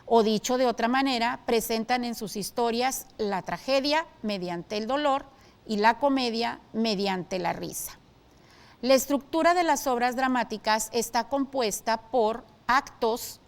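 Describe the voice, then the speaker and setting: A woman teaching a televised school lesson, explaining clearly and steadily and asking her students questions. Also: on the high side.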